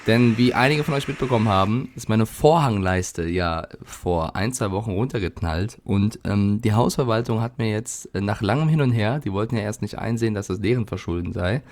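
Man, podcast co-host, low voice, chatty, many fillers. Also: lively intonation, brisk, hardly any pauses, darkish tone. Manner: chatty storyteller, many fillers and quoted dialogue. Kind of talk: casual podcast chat. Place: home room, drilling nearby.

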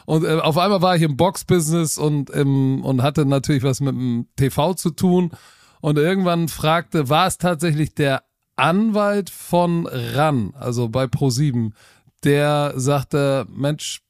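Relaxed German man telling his story. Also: on the high side, unhurried, no echo, studio quality. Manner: relaxed storytelling, self-deprecating. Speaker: guest, football coach and TV expert. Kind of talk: casual interview talk.

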